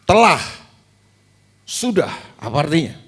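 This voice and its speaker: A man's voice: a little high, very animated, measured pace, a bit bright, husky. A male pastor preaching a sermon. He asks the congregation questions, answers them himself and repeats key words for emphasis.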